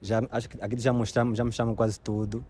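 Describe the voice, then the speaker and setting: A man's voice: fairly low pitch, flat delivery, fast, a little mellow, slight background noise. Young man interviewing casually. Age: young adult. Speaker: vlog host interviewing locals. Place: outdoors in an abandoned high-rise and on its open roof. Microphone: handheld mic.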